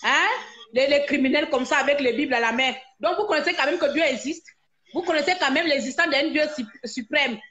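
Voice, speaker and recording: Woman live-streamer, high voice, scolding, repetitive rhetorical rant. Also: fairly quick, fairly bright tone, lo-fi sound. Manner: indignant, scolding, repeats herself with rhetorical questions.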